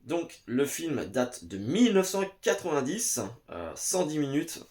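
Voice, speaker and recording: Slow, hesitant man vlogging. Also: a little high, big pitch swings, a little mellow. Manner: hesitant, many "euh" fillers, addresses viewer as "tu". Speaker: vlogger reviewing VHS tapes. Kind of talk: casual chat to camera. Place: home basement. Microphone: camera in front.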